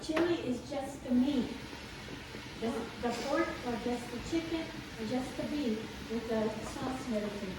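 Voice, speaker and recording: High-voiced chatty woman, echoey room. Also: moderate pace. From Northern California. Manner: chatty, explains at length. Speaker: cooking class participant. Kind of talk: casual chat. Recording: echoey room, distant mic, loud background noise.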